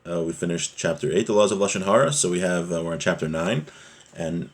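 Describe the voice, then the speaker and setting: Teaching a religious class, a man with a low, husky voice briskly explains a Hebrew sacred text line by line in English. His manner is earnest and didactic, and he often drives home his points with short rhetorical questions.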